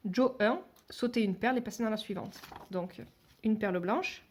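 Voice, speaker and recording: A woman's voice: mid-range voice, normal speed, a little hiss or hum. A woman giving a step-by-step beading tutorial, talking hesitantly with many fillers and restarts, and dropping to a near whisper while she counts beads. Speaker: beading instructor.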